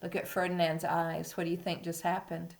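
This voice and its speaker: A woman's voice: fairly low pitch, level tone, brisk, vocal fry. A woman reading a storybook to small children, as to a toddler, expressively, with simple coaxing questions to the listeners. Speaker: teacher reading a picture book to young children.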